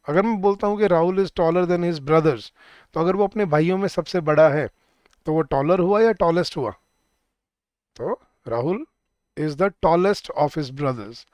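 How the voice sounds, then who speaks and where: Man teaching grammar, slightly higher voice. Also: no echo, clean studio sound. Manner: asks the class a question and answers it himself, addresses them as guys; mixes Hindi with English terms and sentences. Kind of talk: online exam-prep class.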